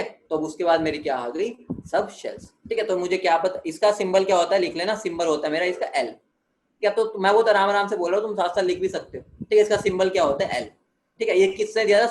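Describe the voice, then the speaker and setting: A man with a high voice gives a chemistry lesson in an echoey room. He keeps checking in with "theek hai" and answers his own questions as he walks the class through the material. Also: a little hiss or hum. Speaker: chemistry teacher. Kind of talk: classroom lecture.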